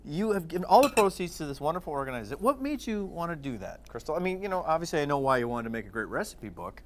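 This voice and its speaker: Male daytime TV host, fast jokey patter, studio kitchen set. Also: a little high, very animated, slight background noise. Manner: joking, teasing, fast-talking. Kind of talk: casual studio chat.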